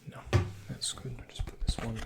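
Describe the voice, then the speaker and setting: In an ASMR roleplay, a man plays a doctor and talks to the listener as his patient. He stays close to the mic, his voice breathy and often close to a whisper, and gives gentle, polite instructions without any hurry.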